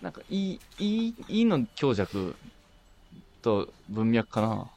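A man with a Nagoya accent, a podcast co-host chatting in a relaxed, offhand way with quick reactions. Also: medium pitch, creaky. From Nagoya, Japan. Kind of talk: casual chat.

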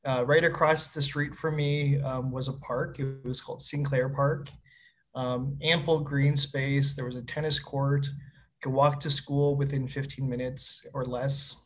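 Co-hosting a laid-back conversation over video call, this young Winnipeg, Canada man is upbeat and encouraging. He speaks at a measured pace in a medium-pitched voice with little pitch movement.

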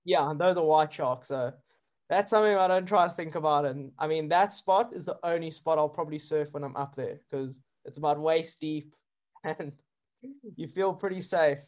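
Here a surfer from South Africa who does drone filming is interviewed, talking casually and chattily with lots of fillers and laughter. He speaks at a moderate pace in a voice on the high side.

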